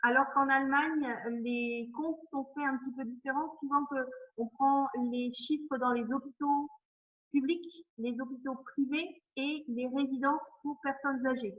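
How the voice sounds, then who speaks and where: A woman's voice: high-pitched, steady tone, a little slow. A woman moderating a panel discussion, speaking spontaneously, on a lo-fi recording. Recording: dull, lo-fi sound.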